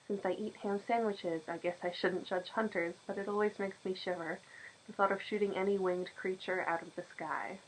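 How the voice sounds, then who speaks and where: Woman calmly reading a novel aloud. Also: medium pitch, a little hiss or hum, low-quality recording. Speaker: audiobook reader. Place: home, by a bookshelf.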